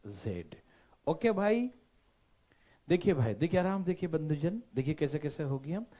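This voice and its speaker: Male math teacher, playful and interactive, animated intonation. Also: a little high, a little slow. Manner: animated, constantly checking understanding with listeners; playful, joking asides. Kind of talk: classroom lecture.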